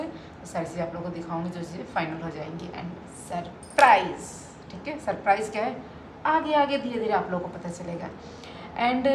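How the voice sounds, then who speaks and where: A woman's voice: medium pitch, echoey room, noisy background. A woman from Faridabad, India, vlogging at home as she packs, chatting straight to her viewers with lots of fillers. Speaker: family vlogger. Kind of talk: casual vlog chat to viewers. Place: at home, packing indoors.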